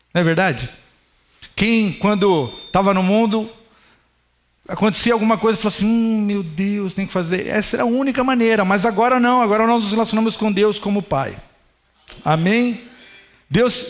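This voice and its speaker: A pastor in his thirties preaches in a high, light voice. He talks to the congregation as if chatting with them, asking them questions along the way. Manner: conversational preaching, addresses the congregation directly. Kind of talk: sermon.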